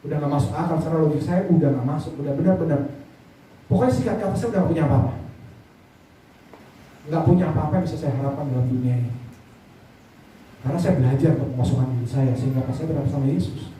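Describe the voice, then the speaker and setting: A man's voice: a little high, fast, pauses often, warm tone, a little hiss or hum. A young man with an Indonesian accent preaching a sermon, telling his testimony emphatically to the congregation. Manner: emphatic testimony, addressing congregation as Bapak Ibu. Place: large church hall. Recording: echoey church hall from far off.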